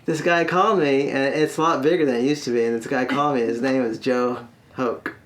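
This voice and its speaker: A man tells a long joke in a folksy, unhurried way. His voice sits in the middle of the range, and he drags the story out for effect. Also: medium pitch, fairly even intonation, fairly bright tone. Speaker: comedy storyteller host.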